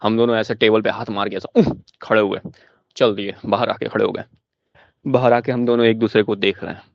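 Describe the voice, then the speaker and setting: A young man doing stand-up comedy, telling a school story in an animated way and laughing along with it. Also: fairly low pitch, a little fast, creaky, muffled recording.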